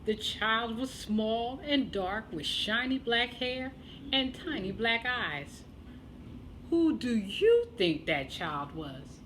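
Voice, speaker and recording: A woman telling a children's tale as a storyteller, expressive and deliberate, with dramatic pauses. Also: on the high side, a little hiss or hum, rough recording.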